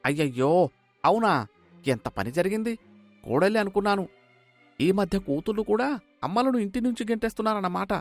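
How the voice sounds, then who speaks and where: A sympathetic older village man, as a narrator puts him on, somewhat high and raised with concern in a storybook. The voice is close and dry, with soft music behind. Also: animated, moderate pace, long pauses, no echo. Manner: sympathetic, exclaiming. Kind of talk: storybook voice acting.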